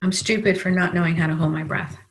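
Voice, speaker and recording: A woman practitioner guiding a tapping session, calmly giving phrases for the client to repeat. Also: on the low side, fast talker. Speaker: EFT practitioner.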